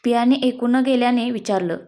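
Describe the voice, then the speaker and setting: Higher-voiced woman narrating a story. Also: fairly quick, dark tone. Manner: reads all the characters' lines in her own voice. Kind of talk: scripted narration.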